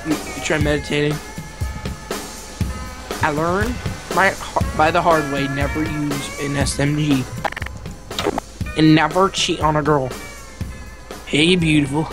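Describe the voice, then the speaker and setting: A young man hosting a casual gameplay video, excitable, shouting and goofing around as he plays. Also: a little high, a little slow, long pauses, over music. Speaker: gaming video host.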